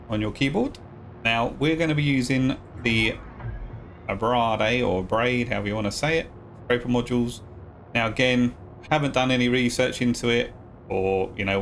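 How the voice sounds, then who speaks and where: A man talking viewers through a video game tutorial step by step, in a relaxed, casual voice-over. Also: medium pitch, slight background noise. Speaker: gaming guide creator.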